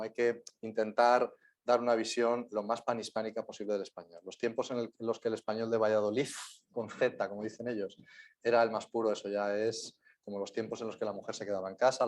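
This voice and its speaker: A man with a Spain Spanish accent speaks quickly and fluently. His voice sits fairly low. He is a guest lecturer answering audience questions in a university room, wandering through his points and tagging them with little questions. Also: darkish tone. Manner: discursive, with frequent tag questions.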